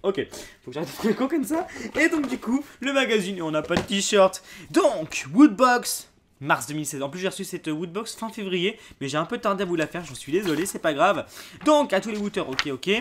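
A young man talks through an unboxing in a casual, excitable way. His pitch jumps around a lot as he reacts to each item, and he keeps breaking into exclamations. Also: brisk, a little hiss or hum. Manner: excitable, exclaims and laughs at items. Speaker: YouTuber unboxing a subscription box.

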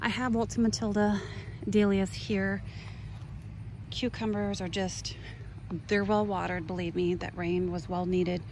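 A Minnesota gardening vlogger's medium-pitched, slightly mellow voice shows little pitch movement; she's unhurried and leaves long pauses. Outdoors in her garden, she gives a casual, improvised tour that wanders between exclamatory asides. Clear outdoor ambience comes through the noisy handheld recording.

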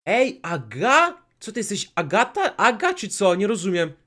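A man hosting a game video, talking to his viewers with excitable, jumpy outbursts. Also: high voice, normal speed. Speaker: gaming video host. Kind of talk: Minecraft let's play commentary.

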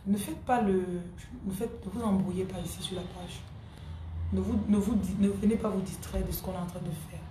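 A woman's voice: medium pitch, fairly even intonation, fairly quick, warm tone, echoey room, slight background noise. A woman spiritual coach giving a live-streamed spiritual teaching, emphatic and repeating her key phrases, answering viewers' comments by name.

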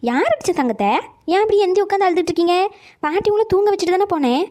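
A bossy old cartoon grandmother, voiced by a woman,. She scolds in a high, quick voice and then coos fondly at her grandson. Her tongue is sharp, and she fires out every line. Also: expressive. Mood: cooing. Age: older. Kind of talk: cartoon voice acting.

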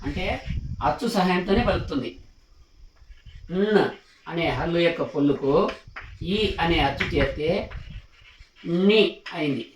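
A man's voice: on the high side, measured pace, pauses often, a little hiss or hum. A man teaching a lesson on writing letters, patient and repetitive, often stopping to ask whether the class has understood. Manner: patient, repetitive, asks questions to check understanding. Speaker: Telugu teacher. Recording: echoey room, mic at a distance.

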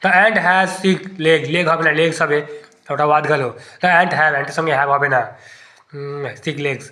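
A male teacher talks through exam questions option by option, reasoning aloud as he rules each one out. His voice is bright and sits a little high. The room around him is echoey. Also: level tone, unhurried. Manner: thinks aloud, testing each option in turn. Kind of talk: exam-prep lesson explaining grammar answers.

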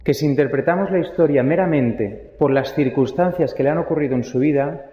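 A young man preaches a homily, talking with his congregation and putting questions to them. His voice sits a little high and rings on through a large church with a long echo. The sound is dull and muffled. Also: fairly quick. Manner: conversational, asks the congregation questions. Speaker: priest.

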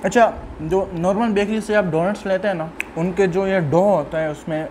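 A man reviewing food in a relaxed, chatty way while talking through a mouthful of donut. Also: high voice, normal speed. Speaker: food vlogger. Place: indoor room with a fan running. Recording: faint fan noise behind. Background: fan hum.

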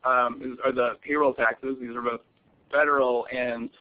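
A man's voice: medium pitch, flat delivery, normal speed. A man presenting a webinar as a lawyer, answering audience questions cautiously with many fillers and restarts. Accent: American. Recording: muffled lo-fi webinar audio.

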